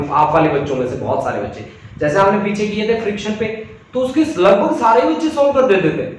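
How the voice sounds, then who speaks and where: A male physics teacher giving an online class lecture, chatty, reading out student comments and making joking asides. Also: high voice. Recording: distant mic in echoey room, faint noise.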